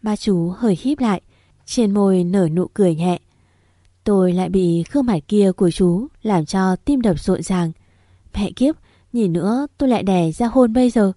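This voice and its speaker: A woman narrating a first-person story in a steady, even way. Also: mid-range voice, normal speed, no room sound, clean studio sound.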